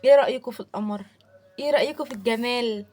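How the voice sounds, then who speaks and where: A young woman with an Egyptian accent, chatting excitedly in a casual unboxing vlog, gushing and rambling, filmed on a handheld phone. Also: a little high, racing, soft background music. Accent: Egyptian Arabic. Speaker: vlogger. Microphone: phone held in hand.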